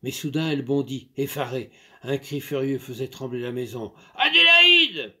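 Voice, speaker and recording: A man narrating a literary story in a measured, expressive reading. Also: medium pitch.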